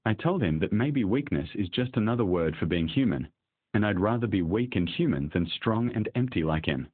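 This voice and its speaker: Earnest young billionaire husband, read by a man in a low, husky voice; dry, phone-thin sound. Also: animated, moderate pace, dry recording, phone-quality sound.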